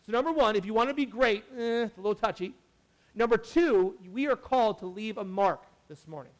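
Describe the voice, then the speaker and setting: A young adult man, a pastor, giving a casual sermon in a chatty, animated way with many asides and restarts. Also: sits high, fairly quick.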